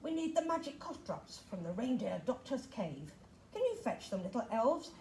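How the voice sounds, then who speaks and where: A woman's voice: on the high side, very animated, moderate pace, dark tone, a little hiss or hum. Santa Claus, read by a woman. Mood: worried. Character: jolly, grateful Santa Claus. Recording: roomy echo.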